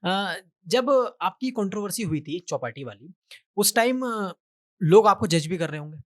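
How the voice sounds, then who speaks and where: A podcast host asks polite, somewhat meandering questions, often murmuring agreement while the guest talks. The pitch moves around a lot, in a middle register. The recording is dry and close. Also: expressive, normal speed, fairly bright tone, dry recording. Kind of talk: podcast interview.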